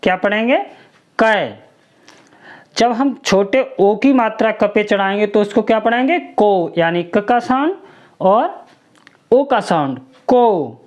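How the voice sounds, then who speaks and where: A woman teaching a children's alphabet lesson, slowly sounding out each syllable and asking the listener to repeat it. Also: medium pitch, a little mellow, lo-fi sound.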